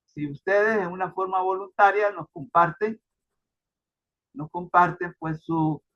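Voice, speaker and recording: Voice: mid-range voice, a little slow, fairly bright tone, dull audio. A teacher moderating an online class discussion over a video call, repeating words and urging people to go ahead. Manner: repetitive, encouraging, many fillers.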